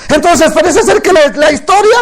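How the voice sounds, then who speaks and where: A man preaching a sermon, asking his congregation questions and answering them himself, stretching out Hebrew phrases slowly for emphasis. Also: extremely high pitch.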